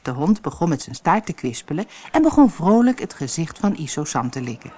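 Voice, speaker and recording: A woman from the Netherlands reading a children's fairy tale aloud with expressive storytelling. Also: low-pitched, a little fast, breathy edge. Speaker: narrator.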